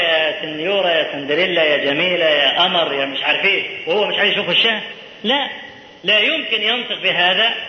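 A man with an Egyptian Arabic accent giving a religious lesson, who asks questions and answers them himself and repeats his key phrases. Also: sits high. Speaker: preacher. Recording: muffled echoey hall recording.

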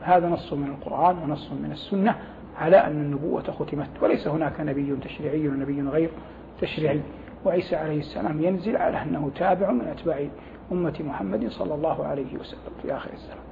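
A man's voice: fairly high pitch, vocal fry. A man speaking as a religious scholar, explaining scripture didactically in formal Arabic and reciting quotations. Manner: didactic, formal Arabic with pauses to gloss phrases. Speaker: religious scholar, programme guest. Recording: thin phone-like sound with faint noise.

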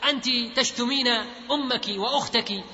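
A man's voice: very high voice, a little fast, sharp tone, a little hiss or hum, exaggerated voice. A man reading the questions of a probing male talk-show host, in an echoey hall on a dull lo-fi recording. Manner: questioning, read out plainly.

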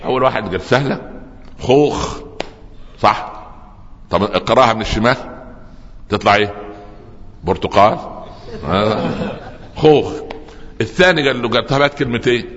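A man preaching a sermon, telling stories lively and joking with the audience. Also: lowish voice, a little fast, long pauses. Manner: lively storytelling with humor and audience asides. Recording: dull lo-fi recording with long hall reverb.

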